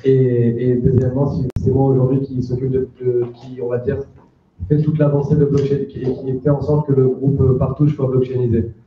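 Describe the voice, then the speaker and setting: Male producer, flat intonation, unscripted panel intro; echoey room recording. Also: mid-range voice, normal speed. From south of France. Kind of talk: informal self-introduction on stage. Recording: echoey, distant, dull, faintly noisy.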